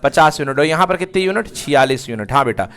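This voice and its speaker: Male physics teacher lecturing, slightly high pitch, crisp clean voice, keeps asking the class then answering himself. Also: lively intonation, fast talker, a bit bright. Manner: asks students questions and answers them himself, repeats key terms.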